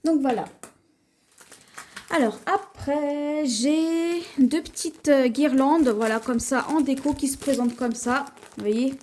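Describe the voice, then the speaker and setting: A French woman talks through her shopping haul at an easy, unhurried pace, pausing often with fillers. Her voice sits high but sounds soft and mellow. It has the homey feel of a casual vlog. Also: slight background noise. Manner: slow, chatty, hesitant with many fillers. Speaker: haul vlogger. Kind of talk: casual haul video, showing items to camera.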